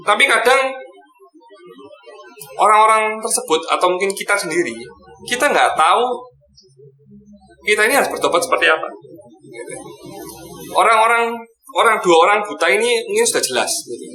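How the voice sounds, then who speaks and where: A man teaching from scripture in a loose, conversational way, tagging his sentences with a short filler. His voice sits a little high. The room rings with echo, and music plays clearly behind him. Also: normal speed, long pauses. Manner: relaxed, repeats "gitu ya" often. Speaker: Bible teacher. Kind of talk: casual Bible teaching.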